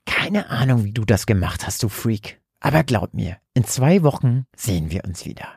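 A man's voice: medium pitch, big pitch swings, moderate pace, vocal fry, a little mellow, husky, no echo, studio quality, full character voice. A man doing a sneering teenage bully. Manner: sneering, mocking.

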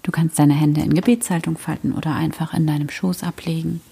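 A woman guiding a prayer meditation in a soft, breathy whisper, gentle and soothing. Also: deep voice, steady tone, fairly quick.

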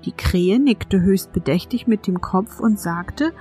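Gentle woman reading a bedtime fairy tale, hushed and soft, quiet music under it. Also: mid-range voice, lively intonation, measured pace. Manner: soft, warm and hushed, addressing a child. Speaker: podcast host and storyteller.

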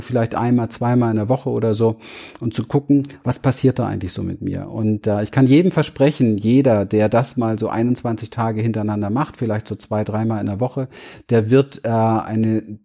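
Earnest and reflective, a male interview guest explains his thinking while hunting for the right words and restarting sentences. His medium-pitched voice is mellow, with some vocal fry.

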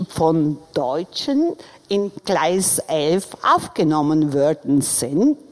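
A woman in her sixties from Turkey, a panel guest telling her story slowly, searching for her words. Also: on the low side. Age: 60s. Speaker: panel guest, former businesswoman. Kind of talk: panel talk.

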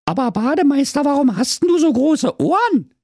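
Mouthy little goat kids with a twang, shrill and sky-high, swinging their pitch wildly all over the place. Close and dry, a cheeky storybook lark. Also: male voice, big pitch swings, moderate pace, darkish tone, no echo, exaggerated voice. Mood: whiny. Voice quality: shrill put-on squeak.

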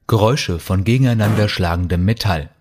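A man narrating a scripted audio story with lively storytelling. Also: fairly low pitch, fairly quick.

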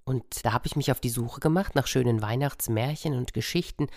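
Lively storyteller man, dry sound. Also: mid-range voice, fairly quick, no echo. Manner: lively, playful, addresses listeners directly. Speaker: storyteller of a children's channel. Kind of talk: storytelling to children.

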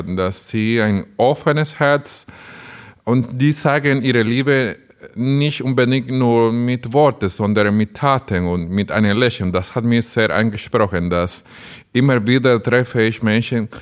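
A man from the Dominican Republic, a native Spanish speaker with a Spanish accent, appears as a podcast interview guest. He speaks earnestly and slowly in a clean, mid-range voice, often searching for words.

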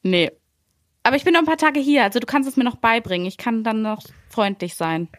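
A woman co-hosting a podcast in casual chat, talkative and quick to laugh, calling in from a holiday trip. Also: fairly high pitch, no room sound, studio quality. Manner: chatty, laughs often. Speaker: podcast co-host. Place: on holiday away from the studio.

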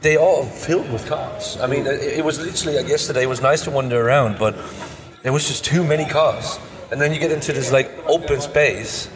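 A man from Europe chatting casually as a podcast co-host, emphatic and often repeating words for stress. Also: fairly high pitch. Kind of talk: casual car show discussion. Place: indoors at an auto show stand. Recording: echoey hall with crowd chatter.

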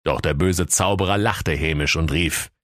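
A man narrating a comic fairy tale in a deadpan storytelling manner. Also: a bass voice, normal speed, no room sound, studio quality.

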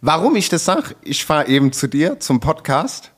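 Lively young man telling a street story. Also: a little high, normal speed, husky. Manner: animated storytelling, acts out quotes, filler-heavy slang. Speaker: podcast co-host. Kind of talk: casual chat, telling a story.

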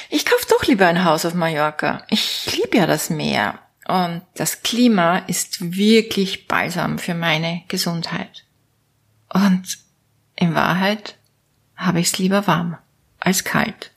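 Austrian woman vlogger, low husky voice, unhurried, playful and chatty. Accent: Austrian German. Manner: playful, musing aloud, switching between options. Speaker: vlogger and network marketing coach. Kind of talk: casual monologue to camera.

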